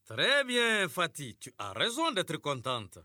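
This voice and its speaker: Slow, bright-voiced radio teacher. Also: male voice, on the high side, huge pitch swings, no echo, clean studio sound. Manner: slow, clear, patient classroom delivery. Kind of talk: scripted radio lesson for primary pupils.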